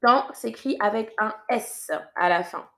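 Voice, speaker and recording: A woman's voice: fairly high pitch, measured pace, sharp tone. A woman teaching French on a live stream, reading viewers' sentences and patiently correcting them, often repeating her instructions.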